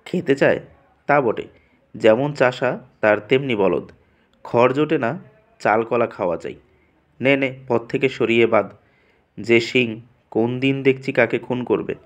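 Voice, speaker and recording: A man's voice: medium pitch, unhurried, long pauses, close to an everyday voice. A scornful, arrogant village priest, as a male reader puts him on. He mocks and scolds in a sneering tone, straight from a storybook. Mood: scornful scolding.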